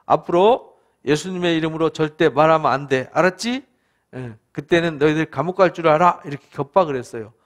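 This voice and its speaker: A man's voice: fairly high pitch, brisk. A man, a pastor, giving a conversational Bible study lecture, asking his listeners to agree and acting out what people said. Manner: conversational, asks the listeners for agreement, acts out quoted speakers.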